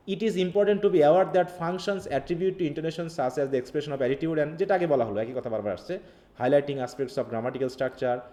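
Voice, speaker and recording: A man's voice: medium pitch, mellow. A man teaching a live online linguistics class. He reads lines from a text, then explains them in a casual teaching style. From Bangladesh. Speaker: English literature teacher.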